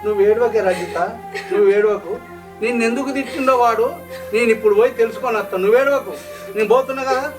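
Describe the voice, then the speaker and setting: Brief: man as a protective Telangana father, raised pitch, heavy music beneath. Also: quick pace. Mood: soothing. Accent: Telangana Telugu. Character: older village father, protective of his new wife. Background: loud background music.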